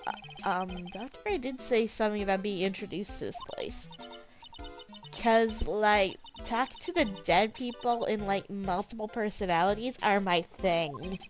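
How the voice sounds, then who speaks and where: A woman's voice: medium pitch, unhurried, soft background music, natural voice. A woman voicing a ditzy young valley-girl woman, airy and full of "like" fillers.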